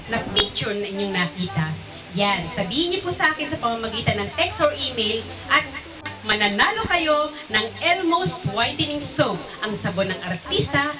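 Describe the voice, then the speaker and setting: A woman's voice: a little high, big pitch swings, fairly quick, dull audio, music in the background. A woman hosting a television program, polite and speaking straight to the viewers. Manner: polite, addresses viewers directly. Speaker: program host.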